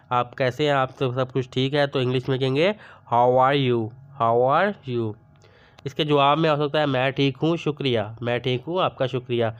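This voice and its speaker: A man teaching everyday English phrases, explaining in Urdu and repeating each English sentence slowly. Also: mid-range voice, clean tone. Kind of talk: language lesson explained in Urdu.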